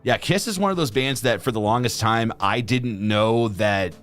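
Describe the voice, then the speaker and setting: Low-voiced chatty man on a live stream. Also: moderate pace, fairly bright tone, soft background music. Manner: chatty, laughs easily, many fillers. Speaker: co-host reading live chat donations. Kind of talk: casual live-stream chat.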